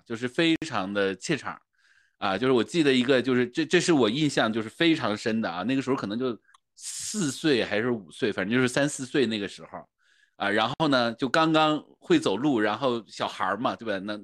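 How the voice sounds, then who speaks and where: A man's voice: mid-range voice, fairly bright tone. A man, co-hosting a casual coaching talk and telling stories with frequent laughs. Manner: chatty storyteller, laughs often. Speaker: coach, podcast co-host. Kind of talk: casual conversation.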